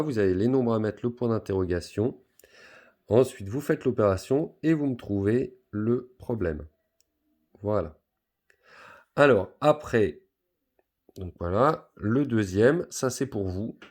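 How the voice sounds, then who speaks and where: A man's voice: fairly low pitch, lively intonation, measured pace, darkish tone. A man teaching a school math lesson, patiently talking pupils through each step of a word problem with many fillers.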